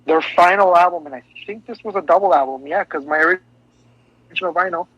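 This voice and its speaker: A man's high, fairly bright voice moves at a brisk pace as he co-hosts a podcast and talks eagerly about albums. It's a casual music discussion, full of rambling and restarted sentences, captured as dull lo-fi podcast audio with no room sound.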